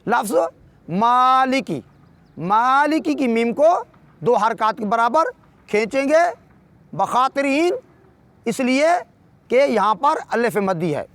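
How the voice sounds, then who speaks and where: Man with a Pakistani Urdu accent, a recitation teacher with a very high voice, slow drawn-out demonstrations, dry recording. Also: lively intonation, a bit bright, no room sound. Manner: explains, then recites words slowly and drawn out. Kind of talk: tajweed lesson with slow demonstrations.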